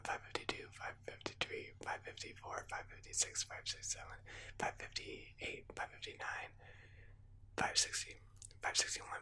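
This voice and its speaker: Young man counting under his breath, sharp whisper. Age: young adult. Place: living room at home, indoors.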